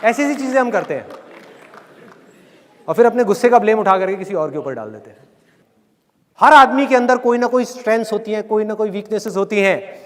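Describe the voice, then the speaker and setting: A middle-aged man gives a motivational talk in a large hall, his high-pitched voice carrying a long reverb. He talks conversationally to a faint crowd, teasing and mock-scolding them as he makes his points. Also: lively intonation, a little fast, long pauses, a bit bright. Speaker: motivational speaker. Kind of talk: live motivational talk to an audience. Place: large hall with live audience.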